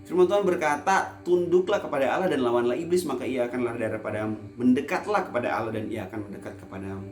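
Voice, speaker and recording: A man preaching a casual youth sermon for an online service, with playful teasing asides, swinging from loud emphasis to quiet low lines. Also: fast talker, hardly any pauses, echoey room, faint music behind.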